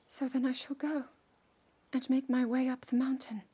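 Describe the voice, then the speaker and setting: A woman's voice: high-pitched, level tone, normal speed, dark tone, slightly rough. A woman playing an earnest, burdened teenage princess in a dramatic video game cutscene, with formal, emotive delivery. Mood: solemn, hopeful. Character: earnest, burdened sixteen-year-old princess, regal and yearning. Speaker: voice actor.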